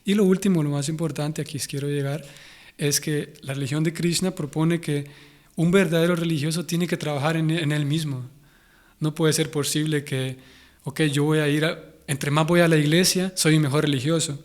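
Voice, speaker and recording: A man's voice: on the high side, fairly even intonation, normal speed. A young man with a Honduran Spanish accent, a guest in an interview, speaking thoughtfully and often restarting as he searches for words. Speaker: interview guest, Hare Krishna devotee. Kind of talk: conversational interview.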